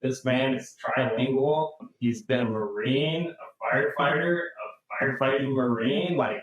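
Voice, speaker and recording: A man's voice: mid-range voice, a little slow, very echoey, a loud crowd, poor audio. A man hosting a podcast, talking in a laid-back, slangy way. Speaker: podcast host. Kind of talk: casual interview chat.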